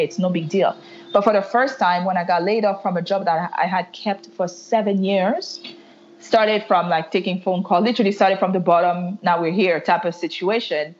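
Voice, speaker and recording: A low-voiced, chatty Canadian woman whose first language is French tells candid stories as a guest entrepreneur in an interview, full of "like" fillers and restarts. The audio is muffled and lo-fi, with a little hiss or hum.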